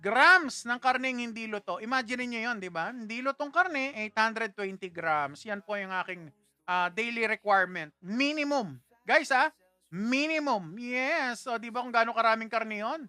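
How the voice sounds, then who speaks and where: A man's voice: very high voice, expressive, measured pace, sharp tone, clean tone, no room sound. A man hosting a casual livestream, chatting with viewers in a playful, teasing way and laughing often. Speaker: livestream host.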